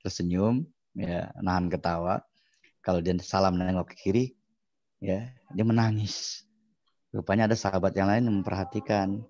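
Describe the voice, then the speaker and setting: Male teacher, lower register, animated storyteller, muffled lo-fi class recording. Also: normal speed, long pauses, no echo. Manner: animated storyteller acting out dialogue. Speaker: Islamic studies teacher. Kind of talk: storytelling lecture.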